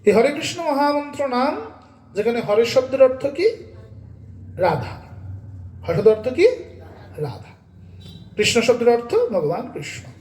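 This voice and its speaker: High-pitched guy preaching and chanting to a gathering, echoey room. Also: big pitch swings, darkish tone. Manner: asks the audience questions, chants verses slowly. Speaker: Gita and Harikatha reciter. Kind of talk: devotional discourse with sung kirtan. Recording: roomy echo.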